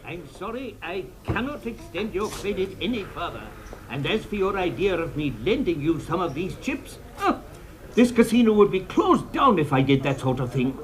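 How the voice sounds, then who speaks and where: Brief: a fussy, firm casino clerk, high voice, audience heard. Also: male voice, very animated, moderate pace, crowd noise.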